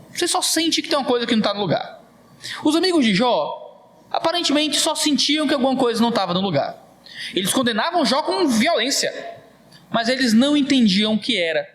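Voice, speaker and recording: A man with a high-pitched voice preaches with a Brazilian Portuguese accent. He drives his points home by repeating phrases in an emphatic pulpit manner. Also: very animated, fairly quick, fairly bright tone. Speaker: pastor. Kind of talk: sermon.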